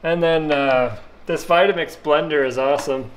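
This relaxed middle-aged home cook vlogger walks viewers through a cooking demo in his own kitchen, describing each step as he works amid clatter and dish noise. He has a fairly high-pitched voice and a moderate pace.

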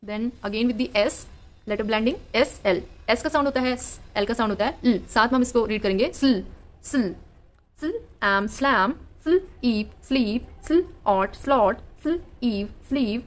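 Slow, sounding-out Indian woman teacher. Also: a little high. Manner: slow, sounds out each word part by part. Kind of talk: phonics lesson for kids.

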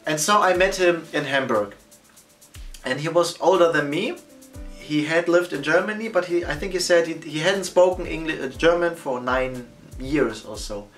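A man in his thirties speaks animatedly to the camera in a studio, his voice sitting a little high. The mic is set back from him, and soft music plays underneath. He sounds casual and chatty, like a vlogger. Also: moderate pace, recorded from a distance. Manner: animated, gesturing with both hands. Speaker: photography vlogger. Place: indoor studio against a plain backdrop.

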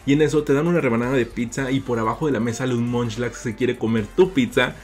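A man's voice: medium pitch, steady tone, quick pace, darkish tone. A man with a Mexican accent hosting a gaming vlog, narrating playfully with big jumps in his voice and calling his viewers "little ones.". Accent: Mexican Spanish. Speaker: gaming YouTuber host.

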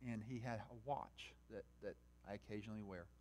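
A man preaching a sermon, talking directly to his listeners and swinging between quiet conversation and loud, impassioned preaching. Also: lowish voice, a little fast, a little hiss or hum. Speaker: pastor.

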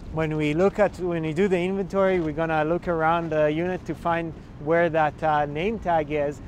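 A young man explains equipment in an instructional walkthrough, his voice sitting a little high. He halts often with fillers and restarts. He is recorded outdoors on a rooftop with a faint hum of the surroundings behind him. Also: darkish tone. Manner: hesitant, many filler sounds and restarts. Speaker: energy auditor instructor.

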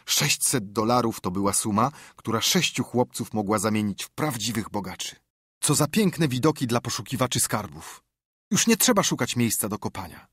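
A man narrating an audiobook in a steady, measured storytelling manner, with a husky voice. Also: medium pitch, no room sound, clean studio sound. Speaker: audiobook reader.

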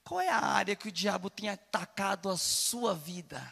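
A man's voice: sits high, normal speed, creaky, bright, forceful tone, husky, in a large hall. A man with a Brazilian Portuguese accent preaching a fervent, emphatic sermon as a pastor.

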